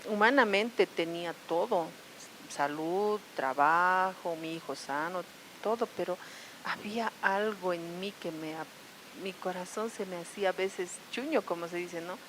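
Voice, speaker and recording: A woman with a Bolivian accent from La Paz gives a personal testimony at a prayer service. She speaks in an earnest, halting way, often restarting and tagging her sentences with questions. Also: lowish voice, a bit bright, a little hiss or hum, poor audio. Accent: Bolivian Spanish, La Paz. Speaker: church member giving testimony.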